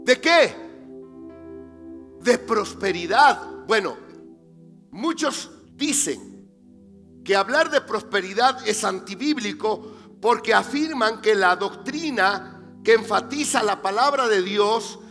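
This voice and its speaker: High-voiced pastor preaching slowly. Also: male voice. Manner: asks the congregation rhetorical questions and answers them himself; rises to emphatic, near-shouted declarations. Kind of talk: sermon. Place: church sanctuary. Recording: reverberant church hall with faint music.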